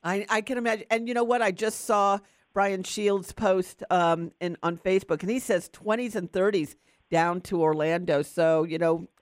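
A woman's voice: medium pitch, fairly even intonation, moderate pace, no echo, clean studio sound. A woman hosting a garden radio show, asking friendly conversational questions. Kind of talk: radio call-in interview.

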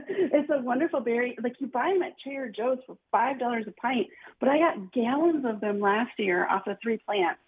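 A woman's voice: fairly high pitch, moderate pace, slight background noise. A woman, a gardening guest talking casually and enthusiastically, lots of "like" in her speech. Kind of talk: casual radio call-in chat. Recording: tinny phone line.

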